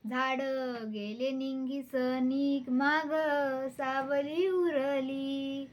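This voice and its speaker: Teen girl, high voice, very slow sing-song poetry recital. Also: fairly even intonation. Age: teens. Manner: drawn-out, chanting delivery of verses. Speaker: student reciting poems.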